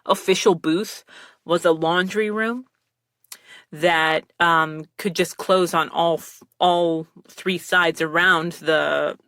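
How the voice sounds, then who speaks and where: Her tone stays steady, slow and a bit bright, with no room sound at all. A podcast guest who says her voice is low, she chats and rambles about voice acting and how to record, close to a studio mic with headphones, dropping fillers and laughing often.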